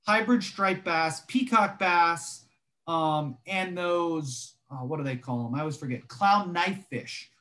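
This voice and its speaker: A young man co-hosting a podcast over a video call, telling fishing stories in a relaxed way with many fillers. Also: fairly high pitch, slow pace. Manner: relaxed storytelling with frequent fillers. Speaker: podcast co-host. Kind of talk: casual chat.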